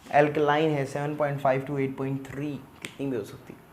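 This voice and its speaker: A male teacher giving a casual lecture, talking to the student like a friend and often checking in with quick questions. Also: mid-range voice, monotone, darkish tone, slight background noise. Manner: familiar, addresses the student as a buddy, checks in with "yes or no".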